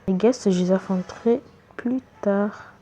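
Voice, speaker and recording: A gamer commentates gameplay casually for viewers, reacting aloud with exasperated exclamations. The delivery is unhurried and the tone soft-edged and a little husky. Faint music plays behind. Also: medium pitch. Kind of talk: casual let's play commentary.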